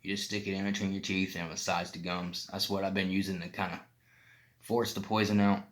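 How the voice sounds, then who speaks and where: In a casual, explanatory vlog about his own experience, a man speaks with some difficulty through a painfully swollen mouth. His low voice is flat, brisk and a bit bright, and his manner is plain-spoken, informal and loosely rambling.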